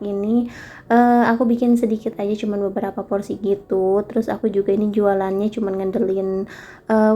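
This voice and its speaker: A young woman talking casually through her home cooking, full of fillers, speaking in a kitchen. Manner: chatty, relaxed, many fillers and tag phrases. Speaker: vlogger. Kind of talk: casual cooking vlog narration. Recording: faint background noise and rumble.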